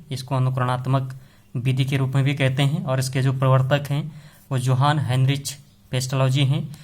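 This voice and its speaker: Male teacher, mid-pitched, repetitive exam-coaching delivery full of fillers and tag questions. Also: a little mellow. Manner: explains step by step with many fillers and tag questions. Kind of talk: exam-prep lecture.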